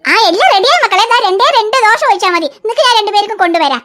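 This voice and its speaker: A woman voicing a calm, gently scolding mother in a cartoon. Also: very high-pitched, rapid-fire. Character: soothing cartoon mother of three girls. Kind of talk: cartoon voice acting.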